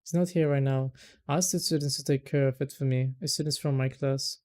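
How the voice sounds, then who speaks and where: A man voicing a polite, composed young female student in a visual novel, speaking calmly and formally. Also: medium pitch, fairly quick, lightly acted.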